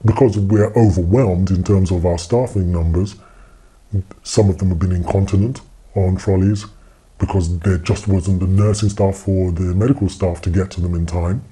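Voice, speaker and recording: A man speaking with his voice disguised to sound deep, a hospital consultant giving a frank news interview. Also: steady tone, normal speed, dark tone, slightly rough.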